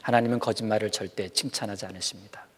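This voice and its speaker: A man giving a children's sermon, speaking in an animated way and asking the kids questions as he goes. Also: lowish voice, fast, slightly rough. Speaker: children's preacher.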